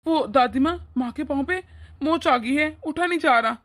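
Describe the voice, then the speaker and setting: A woman voicing a young husband and caring son in a cartoon, gentle and eager to please. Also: sits high, normal speed. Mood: worried. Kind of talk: animated cartoon voice acting.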